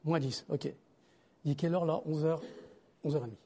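A man preaching a sermon in a conversational, animated way, moving between loud calls to the listeners and quiet, low asides. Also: fairly quick.

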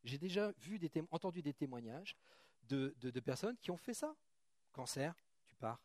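Male preacher, slightly high voice, dry sound; reads scripture, then chatty asides to the congregation. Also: big pitch swings, normal speed, darkish tone, dry recording. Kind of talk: sermon with Bible reading. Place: church.

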